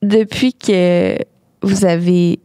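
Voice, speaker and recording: A woman in her thirties with a Québécois accent, hosting a podcast and asking questions in a relaxed, teasing way. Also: on the low side, very slow, no echo, studio quality. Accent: Québécois French. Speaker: podcast host. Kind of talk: casual podcast interview.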